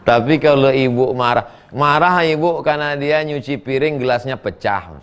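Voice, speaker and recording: Against slight background noise, a middle-aged male preacher answers the audience's questions with folksy jokes and animated stories in a humorous sermon. His voice is medium in pitch and a little slow.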